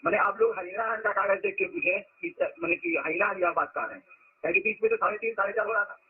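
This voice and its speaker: A man's voice: sits high, lively intonation, very fast, slightly rough, phone-quality sound. A man giving an informal spiritual discourse as a teacher, talking conversationally and asking rhetorical questions.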